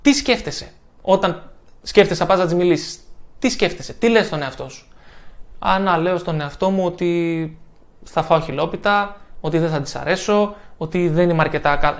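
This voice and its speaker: A young man, a self-improvement coach, giving an energetic motivational talk and acting out his examples by changing his tone and loudness. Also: on the high side, creaky.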